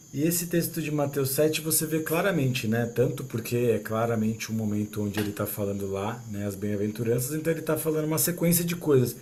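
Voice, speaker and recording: A man leading a church meeting, explaining a Bible passage in a relaxed, conversational way. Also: medium pitch. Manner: relaxed and conversational, full of tag questions. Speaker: leader of a church small-group meeting. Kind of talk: informal Bible teaching.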